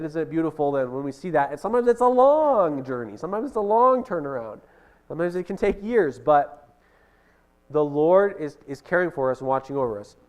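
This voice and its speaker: A middle-aged man preaching a sermon in an earnest, halting way, with restarts and fillers, dropping soft when quoting prayers. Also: a little high.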